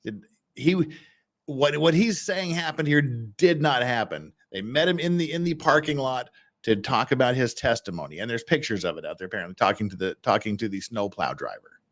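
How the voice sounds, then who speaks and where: Man with very lively, swinging pitch. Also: fairly quick. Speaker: host reviewing trial footage. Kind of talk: casual live commentary.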